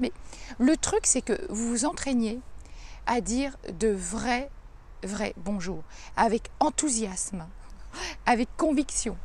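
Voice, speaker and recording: An emphatic woman coach delivering a short daily motivational talk. Her voice sits a little high, and she adds playful asides as she urges her viewers on. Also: darkish tone. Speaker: coach and speaker.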